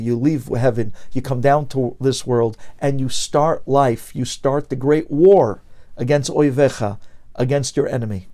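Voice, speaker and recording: A man giving a passionate Torah lecture as a rabbi, swinging between loud emphasis and hushed lines, with Hebrew phrases mixed in. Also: medium pitch.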